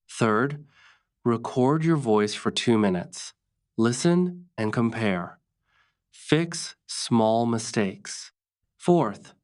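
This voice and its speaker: A man narrating a scripted English accent lesson in short, plain, instructive sentences. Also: fairly low pitch. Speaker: English teacher.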